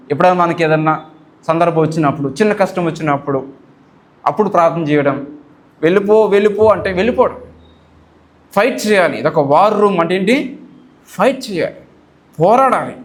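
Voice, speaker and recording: High-voiced preaching male pastor. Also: fairly quick, long pauses. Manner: forceful preaching with rhetorical questions, acting out prayers. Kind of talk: sermon.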